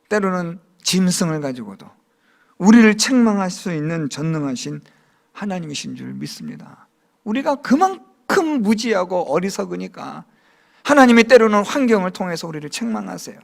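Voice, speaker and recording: A man's voice: sits high, sing-song, normal speed, vocal fry. A male pastor preaching a sermon in church, emphatic and firing rhetorical questions at the congregation.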